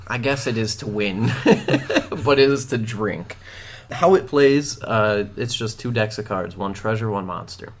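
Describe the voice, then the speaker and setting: A man's voice: on the low side, animated, measured pace. A man hosting a casual group chat, rambling with fillers and laughing often.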